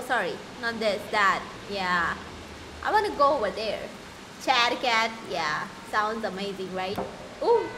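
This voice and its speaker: A woman's voice: high voice, noisy background. A woman streaming a game live, chatting casually and giggling with her viewers.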